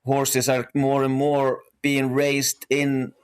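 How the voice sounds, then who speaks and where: A middle-aged man from Iceland, a horse breeder and coach, talking as an interview guest in a halting way with many restarts. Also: mid-range voice, completely flat delivery, clear, resonant tone, dry recording. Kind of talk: casual interview talk.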